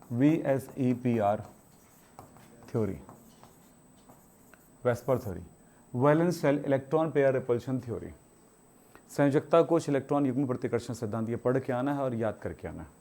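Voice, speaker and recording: Man teaching chemistry, mellow voice. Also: medium pitch, moderate pace, pauses often. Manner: asks students questions and answers them himself; strict, scolding about homework. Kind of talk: classroom lecture.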